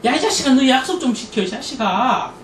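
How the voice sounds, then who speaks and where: A man's voice: extremely high pitch, expressive, a little fast, a bit bright. A man voicing a foul-mouthed, scolding middle-aged churchgoing mother who curses at her child. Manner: harsh, cursing scolding. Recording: echoey room, distant mic, faint noise.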